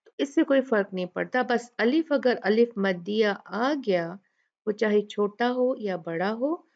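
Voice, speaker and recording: A woman Tajweed teacher gives a slow, patient lesson on Quranic recitation, asking questions and then answering them while drawing out example words slowly. Her mid-range voice has a darkish tone, and the audio sounds dull.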